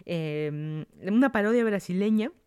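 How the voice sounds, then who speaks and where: A man's voice: sits high, animated, a little slow, dark tone, clean tone. A man talks through the week's news as a podcast host. His delivery is casual and musing. He thinks aloud and often breaks off to restart a sentence. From Peru. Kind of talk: casual news commentary monologue.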